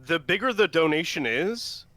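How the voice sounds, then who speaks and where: A man joining a stream, joking casually in a playful, animated way. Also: fairly high pitch, normal speed, no echo, faint music behind.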